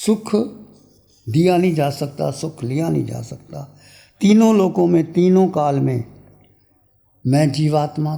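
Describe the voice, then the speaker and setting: An older man, a spiritual teacher, giving a sermon and leading a guided meditation in a slow, repetitive, meditative cadence with a gravelly voice. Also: on the high side, warm tone, long reverb tail.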